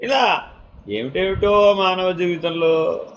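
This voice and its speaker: A man giving a spiritual discourse, telling stories with lively acted-out voices and slowly chanting verses. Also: high-pitched, rough recording. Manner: animated storytelling, acting out people in his anecdotes. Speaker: spiritual teacher. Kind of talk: sermon.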